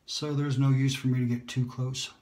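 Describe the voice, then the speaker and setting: His medium-pitched, slightly mellow voice stays level at a normal speed while he shaves and chats for his vlog. The talk wanders, pokes fun at himself and sometimes falls to a whisper, recorded at home in a roomy space via a phone or camera on a holder.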